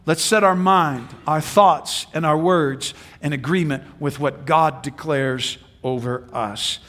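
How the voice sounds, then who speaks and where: High, bright-voiced preacher in a reverberant hall. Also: male voice, slow. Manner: swings from loud shouted declarations to hushed intimate delivery. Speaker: pastor. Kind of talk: sermon.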